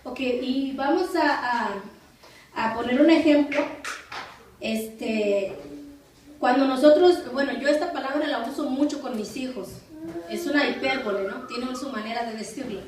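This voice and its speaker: Woman pastor, high voice, teaching Bible study, slow and repetitive for note-taking, distant mic in a very echoey room. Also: a little mellow. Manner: slow, repeats phrases and spells words for note-taking. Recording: echoey room from far off, faint noise.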